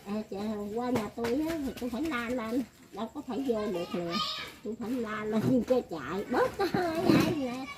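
A woman's voice: fairly high pitch, a little fast, background noise. An elderly woman talking in a rambling, casual way, often laughing as she speaks. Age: older. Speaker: elderly woman being interviewed.

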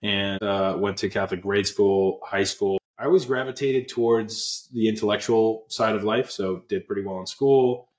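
As a guest on a video call, the young app co-founder from Pennsylvania, USA, speaks through earbuds in a small indoor room that sounds roomy. His lowish, slightly mellow voice keeps a moderate pace with hardly any pauses, and he tells his story earnestly in a casual interview, with many fillers and restarts.

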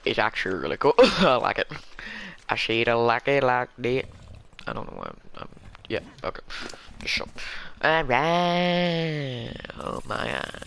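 A man chatting his way through a gameplay session, rambling and joking at his own expense. His voice sits at an ordinary middle pitch, with game sounds clearly audible underneath. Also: wildly swooping pitch, moderate pace, noisy background. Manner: rambling, jokey, laughs at himself. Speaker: gaming YouTuber. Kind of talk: casual gameplay commentary.

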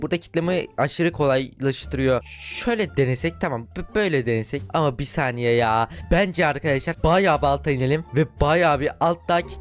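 A young man with a Turkish accent giving excitable gameplay commentary to his viewers, shouting in frustration and cheering during fights. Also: fairly high pitch. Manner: loud bursts of frustration and cheering while fighting. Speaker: gaming YouTuber.

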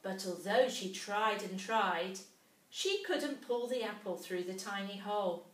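Her voice medium in pitch and her pace a little slow, a teacher reads a storybook expressively to young children. The setting is a small indoor classroom, captured by a camera mic a few metres off with a roomy feel.

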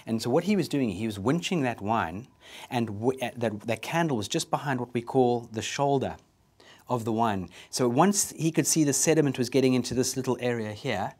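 A man's voice: medium pitch, fairly quick, darkish tone. A man in his fifties speaking with prim, precise, formal enunciation, giving instructive demonstrations with short questions and commands. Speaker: etiquette expert giving a lesson. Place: wood-panelled dining room, indoors.

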